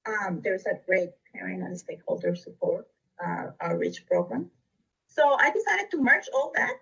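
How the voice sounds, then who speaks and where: Husky-voiced woman presenting. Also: mid-range voice, animated, moderate pace, a bit bright, distant mic, highs cut off. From Costa Rica. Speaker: district education leader. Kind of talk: recorded webinar presentation.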